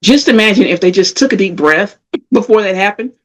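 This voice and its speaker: A woman's voice: medium pitch, expressive, a little fast. A middle-aged woman giving a motivational self-care talk, emphatic and conversational, repeating her points. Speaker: spiritual talk speaker.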